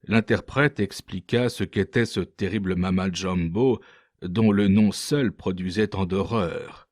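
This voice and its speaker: Slow, low-voiced male audiobook narrator. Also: a little mellow, no room sound, clean studio sound. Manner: measured, dramatic reading of classic literature. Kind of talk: scripted narration.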